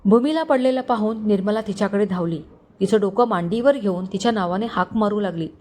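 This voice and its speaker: Woman, storyteller, scripted story narration, even delivery. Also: medium pitch, fairly quick, a little hiss or hum.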